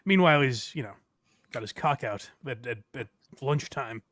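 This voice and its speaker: Bright, sarcastic male podcast guest. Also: medium pitch, animated, no echo, clean studio sound. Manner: sarcastic, quick to laugh. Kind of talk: casual comedy podcast banter.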